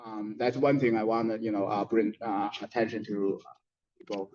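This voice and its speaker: A man, a council member, giving halting remarks at a meeting with many fillers. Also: lowish voice, fairly even intonation. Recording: dull lo-fi meeting audio.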